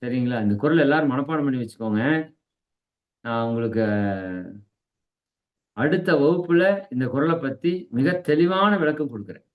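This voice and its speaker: A man teaching a spiritual class, explaining scripture in a teacherly way, often checking with his listeners and slowing down to recite key lines. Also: mid-range voice, phone-quality sound. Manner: teacherly, asks "right?" to check understanding; slows down to recite key verses.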